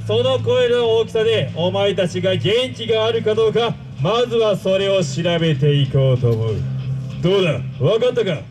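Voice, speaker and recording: A man's voice: high voice, moderate pace, music in the background, lightly acted, rough recording. Man playing a pompous android villain. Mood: commanding. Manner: grandiose commanding speech, loud shouted calls. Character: pompous male android villain rallying a crowd. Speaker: villain host of a live stage show. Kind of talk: live character-show acting.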